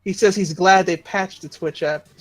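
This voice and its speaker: Male gaming stream host, high register, loose jokey chat, light music underneath. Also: steady tone, normal speed. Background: faint game music.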